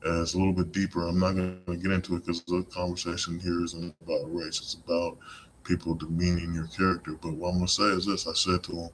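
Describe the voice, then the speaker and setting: A man's voice: sits low, monotone, quick pace, a bit bright, a little hiss or hum. A man hosting a live-streamed podcast, talking in a rambling, conversational monologue full of "you know" asides. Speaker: podcast host.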